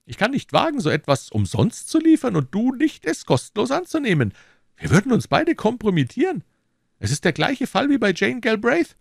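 A scheming persuader who talks down to his listener, coaxing and lecturing, as a man reads him in a raised, lively voice. The voice sits well above the reader's own and swoops about. It is a dry, close audiobook recording. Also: sits high, moderate pace, creaky, no echo, voice pushed up, exaggerated voice. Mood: persuasive. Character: scheming smooth-talking man, cold persuader. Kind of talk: audiobook character voicing.

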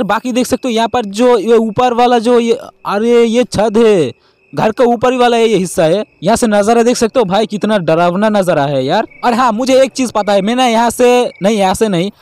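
A young man giving excitable gameplay commentary, talking straight to viewers with lots of exclamations. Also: sits high, no echo. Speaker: gaming YouTuber.

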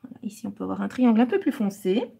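Her voice is husky, mid-range and sing-song, and she talks fast while coloring live on stream. She alternates French and English, repeats each step for viewers, reads chat, and murmurs softly when absorbed in the coloring.

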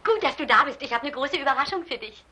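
A woman's voice: sits high, animated, fast talker, bright, forceful tone. A woman dubbing a doting middle-aged wife and new grandmother in a German film, fussing and cooing.

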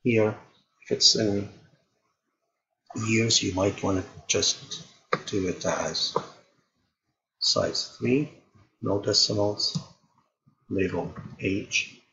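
A man calmly explaining software settings step by step, thinking aloud as he goes, in a tutorial voice-over. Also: lowish voice, extremely slow, gravelly, long pauses, dull audio, a little hiss or hum. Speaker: instructor.

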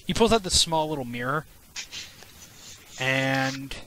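Bright-voiced man running a tabletop game. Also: mid-range voice, lively intonation, takes it slowly, a little hiss or hum, rough recording. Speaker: game master. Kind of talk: casual tabletop game narration.

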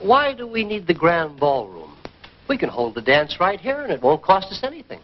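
Blustering, stubborn small-town American husband: swinging pitch, indignant, vintage radio comedy, muffled recording. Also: male voice, huge pitch swings, normal speed. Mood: grumbling, objecting. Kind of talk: mid-century American radio comedy acting. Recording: dull, faintly noisy vintage radio recording.

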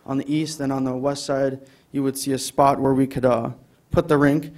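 Man, Upper Midwest American accent, flat delivery, mellow voice, halting with fillers, council chamber. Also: mid-range voice. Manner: hesitant, many fillers. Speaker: city staff presenting to council. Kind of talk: council meeting presentation.

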